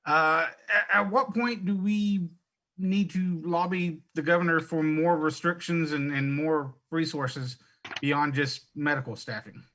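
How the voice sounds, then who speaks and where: A man's voice: on the high side, fairly even intonation, a little slow, fairly bright tone. A man asking questions at a press briefing, hesitant with many fillers.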